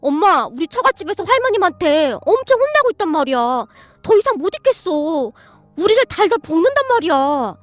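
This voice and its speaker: A woman's voice: extremely high pitch, sing-song, brisk, no echo, faint music behind. A woman voicing a sulky grown son who whines and pleads with his mother. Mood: pleading. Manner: whining, pleading.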